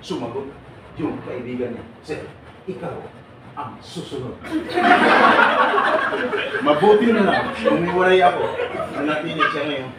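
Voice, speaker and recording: A man's voice: on the high side, lively intonation, a little slow, long pauses. Middle-aged man quizzing a seminar crowd. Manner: asks the audience questions, jokes and laughs often. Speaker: speaker at an OFW seminar. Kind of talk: lively lecture to a live audience. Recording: echoey room from far off, noisy.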